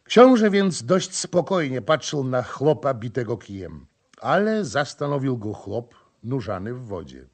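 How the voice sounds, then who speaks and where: A man reading an audiobook in measured, expressive scripted narration. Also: mid-range voice, husky.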